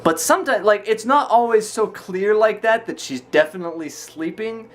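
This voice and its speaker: A vlogger chatting casually to camera, telling stories in an animated way and acting out reactions. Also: medium pitch, moderate pace. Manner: animated retelling with imitated reactions. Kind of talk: casual storytelling chat to camera.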